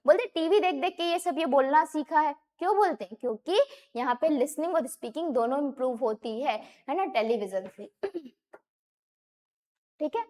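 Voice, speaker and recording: A woman teacher with a high voice gives an exam-prep lesson. She reads English questions out slowly, then explains each point, repeating key terms and posing questions she answers herself. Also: expressive, warm tone.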